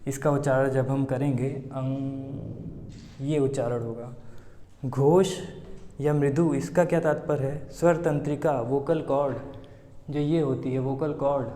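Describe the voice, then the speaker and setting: Slow-speaking Indian man, echoey room. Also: medium pitch, warm tone. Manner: slow, patient explaining with drawn-out demonstration sounds. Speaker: English pronunciation teacher. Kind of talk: spoken pronunciation lesson. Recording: echoey room with long reverb.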